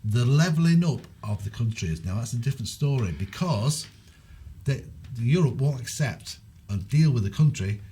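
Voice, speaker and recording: A man's voice: medium pitch, expressive, normal speed, mellow, a little hiss or hum. A man with a Mancunian accent co-hosting a political podcast, talking in an earnest, rambling way. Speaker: podcast co-host. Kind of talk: political opinion chat.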